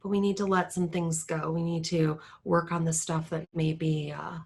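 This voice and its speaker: A woman guides a meditation calmly and without hurry, her low-pitched, breathy voice drifting between a soft murmur and a whisper.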